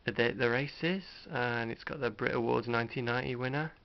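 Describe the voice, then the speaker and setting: Brisk and gravelly, this middle-aged British man's mid-range voice carries a casual, unscripted show-and-tell vlog where he hesitantly and understatedly rambles about his collection like a host. The dull lo-fi home recording has background noise.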